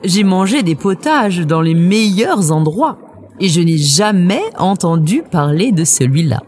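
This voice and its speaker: A woman voicing a greedy, gullible big bad wolf in a children's storybook reading, with a growly, drawn-out grumble. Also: fairly low pitch, very animated, darkish tone.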